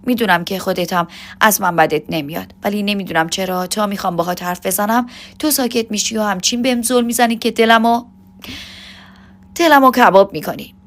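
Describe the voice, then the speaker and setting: A woman's voice: mid-range voice, fairly bright tone, natural voice. A jealous, protective young man in love, as a woman reads him aloud in an audio story. He presses with pleading, teasing questions, his voice staying close to an everyday speaking tone.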